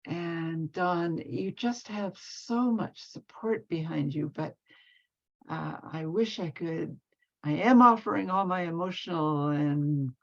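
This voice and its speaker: A woman's voice: deep voice, gravelly, muffled recording. An older woman speaking an earnest, indignant message of support over a video call. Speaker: writer.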